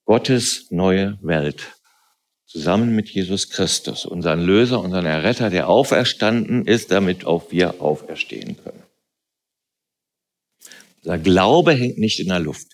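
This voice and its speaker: A man preaching a sermon in a church, moving between quiet reflective passages and loud emphatic calls. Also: lively intonation, unhurried. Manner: rises to loud emphatic calls, then drops soft and low. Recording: music playing behind.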